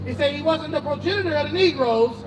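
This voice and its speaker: A man's voice: extremely high pitch, fast talker, recorded from a distance, rough recording. A man street preaching, emphatic and slangy, calling on a reader and questioning the crowd outdoors.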